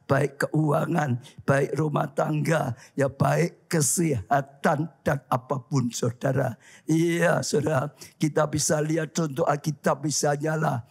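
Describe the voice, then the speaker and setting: A male pastor preaching a lively sermon, often calling out to the congregation. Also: fairly high pitch, takes it slowly, gravelly, husky. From Indonesia. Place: church hall.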